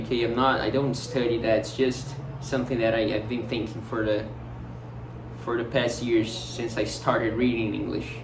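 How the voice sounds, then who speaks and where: Speaking at a medium pitch with a Brazilian Portuguese accent, a young male vlogger rambles through a casual monologue, filling it with fillers, false starts and searches for the right word. He's picked up from a distance, giving a roomy echo over a clear layer of background noise.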